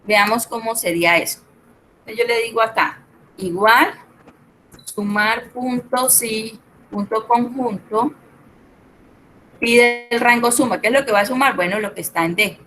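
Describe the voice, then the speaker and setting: A woman's voice: a little high, normal speed, sharp tone, a little hiss or hum, low-quality recording. A middle-aged woman, tutoring an online spreadsheet class, explaining step by step and checking in with her students. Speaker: Excel tutor.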